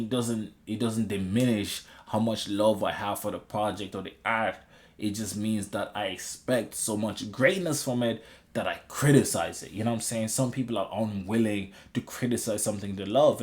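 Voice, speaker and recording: A man giving a casual, rambling opinion monologue to viewers, slangy and sweary, often repeating himself and checking that listeners follow. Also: lowish voice. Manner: repetitive, with frequent checking tags like a conversational rant. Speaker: video creator giving opinions on manga and music.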